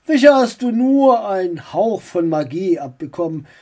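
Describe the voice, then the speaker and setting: A woman voicing a kind but secretive uncle who dodges questions and teases gently in a storybook reading. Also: mid-range voice, big pitch swings, moderate pace. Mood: teasing calm. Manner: evasive, gently teasing.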